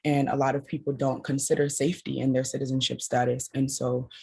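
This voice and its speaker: Husky-voiced woman organizer. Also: very deep voice, flat delivery, a little fast, dark tone. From Trinidad and Tobago, raised in Washington DC. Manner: earnest, runs through long lists. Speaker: panelist, community organizer. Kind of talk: panel introduction over video call. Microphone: video call.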